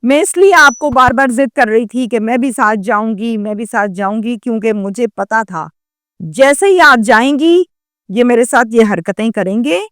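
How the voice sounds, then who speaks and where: A frightened teenage girl pleads through tears, as a woman voices her in her own fairly high voice. The sound is close and dry. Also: no room sound, lightly acted. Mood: pleading. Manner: tearful, pleading.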